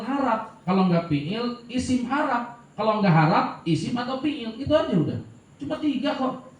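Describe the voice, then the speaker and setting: Man teaching grammar in an echoey room. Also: high-pitched. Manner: casual explaining, asks and answers his own questions. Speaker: religious teacher. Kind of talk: teaching Arabic grammar from a classical text. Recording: echoey, dull room recording.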